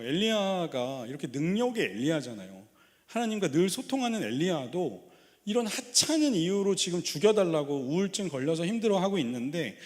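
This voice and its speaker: Male pastor, sermon in a church sanctuary. Slightly raised pitch, relaxed and conversational, quick to laugh. Long reverb from the hall. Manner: conversational, fond of rhetorical questions to the congregation; laughs easily and tells light personal anecdotes.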